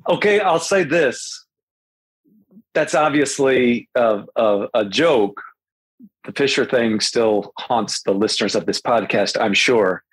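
Man, husky voice, dry close sound, podcast host, casual sports chat, chatty with restarts. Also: mid-range voice, animated, slow pace, dry recording, rough recording. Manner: chatty, many restarts and fillers.

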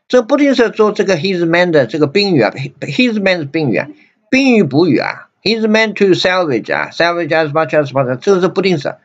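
A man with a Chinese accent teaching an English grammar lesson, repeating himself and reading English lines slowly. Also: high-pitched. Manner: repetitive, many fillers and restarts, reads English slowly. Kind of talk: grammar lesson explaining sentences. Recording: dull lo-fi recording.

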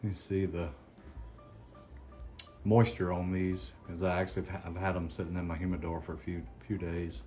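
A man with a Southern accent, hosting a casual unboxing chat in an unhurried, halting way with many ums and restarts. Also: deep voice, level tone, warm tone, faint music behind. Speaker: cigar channel host.

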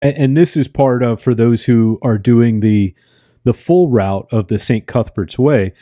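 An American man hosting a podcast, chatting in an unhurried, reflective way and searching for his words. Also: medium pitch, mellow, dry recording, clean studio sound. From United States. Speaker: podcast host. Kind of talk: casual interview conversation.

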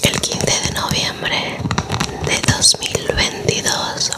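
Slow whispering ASMR woman. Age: young adult. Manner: intimate, slow, repeats words softly. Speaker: ASMR creator and host. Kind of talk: ASMR, soft whispered chat to viewers. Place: small room at home, indoors. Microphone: close tabletop condenser microphone.

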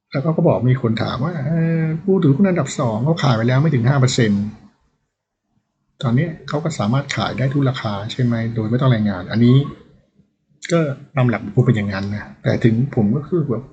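A man talking through stock charts in a loose, rambling way, thinking aloud as he goes. His voice is mellow and dark, at a middle pitch. The recording sounds dull and lo-fi. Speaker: stock trading channel host. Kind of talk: casual chart commentary.

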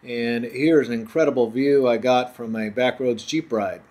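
A man's voice: mid-range voice, normal speed. Man narrating a road-trip voice-over. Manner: relaxed, chatty tour-guide narration. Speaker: travel vlogger narrating.

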